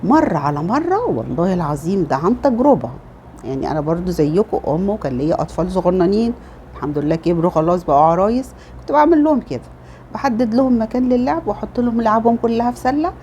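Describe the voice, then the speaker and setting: A woman's voice: medium pitch, expressive, quick pace, mellow, muffled recording, slight background noise. A middle-aged Egyptian woman with an Egyptian Arabic accent, giving casual motherly advice in a chatty home vlog. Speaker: lifestyle vlogger.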